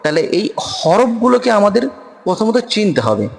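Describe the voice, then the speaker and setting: A man teaching Quran reading in a slow spoken lesson, patiently repeating each Arabic letter with many pauses, with a Bengali accent. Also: high-pitched, big pitch swings, creaky. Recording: long reverb, room echo.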